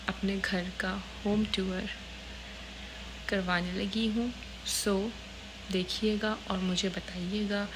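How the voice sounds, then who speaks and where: A woman's voice: medium pitch, noisy background. A woman from Pakistan giving a chatty, affectionate vlog tour of her small apartment, repeating words like "pyari si". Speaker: vlogger.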